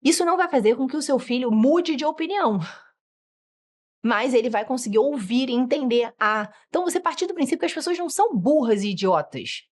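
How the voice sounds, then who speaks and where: A woman's voice: high voice, a little fast. A middle-aged woman with a Brazilian Portuguese accent, teaching a parenting course and acting out what children and parents say. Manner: animated, acts out children's and parents' lines in shifting voices. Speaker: parenting educator. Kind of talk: online course lesson.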